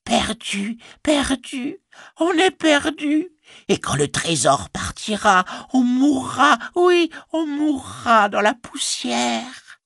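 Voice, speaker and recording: A man voicing a wretched, starved male creature who whimpers in a shrill, drawn-out wail. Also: very animated, vocal fry, fairly bright tone, no room sound, studio quality, full character voice. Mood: whimpering plea. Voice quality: shrill, drawn-out wailing whine. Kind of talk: audiobook character voice.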